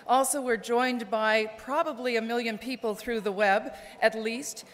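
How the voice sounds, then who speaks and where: A woman's voice: fairly high pitch, steady tone, unhurried, a bit bright. Echoey woman giving a welcome. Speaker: music education coalition spokeswoman hosting. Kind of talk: live event welcome address. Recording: large echoey hall.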